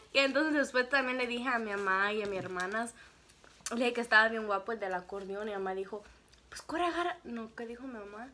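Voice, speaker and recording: Bright, animated woman storyteller. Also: fairly high pitch, fairly quick. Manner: animated, laughs often, acts out quotes. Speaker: vlogger telling her story. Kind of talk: casual storytime chat.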